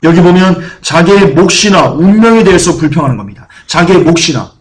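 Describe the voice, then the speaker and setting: A man's voice: fairly high pitch, expressive, fairly quick. A man preaching a sermon as pastor, earnest and emphatic, who acts out the grumbling of churchgoers.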